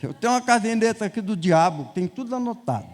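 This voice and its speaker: A man's voice: high voice, fast. An older man with a Brazilian Portuguese accent, a bishop telling stories in a sermon and acting out the dialogue in voices. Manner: animated, acts out dialogue in quoted voices. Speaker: bishop preaching. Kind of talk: storytelling sermon. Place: church sanctuary. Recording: long reverb in a church hall.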